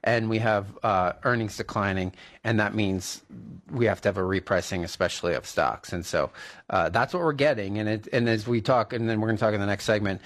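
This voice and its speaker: A man's voice: lowish voice, a little fast, dry recording. An American man hosting a financial talk radio discussion on a close studio mic. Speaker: radio show host.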